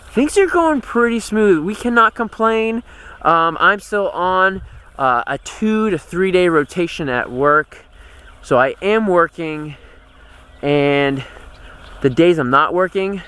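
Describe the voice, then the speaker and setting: A man's voice: a little high, bright, forceful tone, smooth. An American man in his thirties giving an earnest, conversational walk-and-talk vlog update outdoors on a farm. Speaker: homesteading vlogger.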